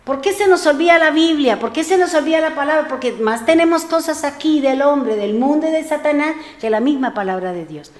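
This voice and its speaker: A woman's voice: sits high, lively intonation, fairly quick, hardly any pauses, roomy sound. A woman preaching a sermon, telling a personal story and acting out the dialogue with repeated phrases. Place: church.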